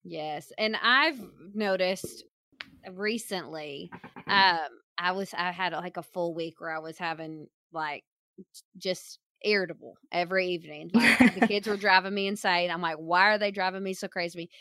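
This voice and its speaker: A woman's voice: on the low side, unhurried, bright, forceful tone, no echo, clean studio sound. A woman in her thirties hosting a podcast, chatting casually and animatedly about her kids, laughing often. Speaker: podcast host. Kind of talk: casual chat.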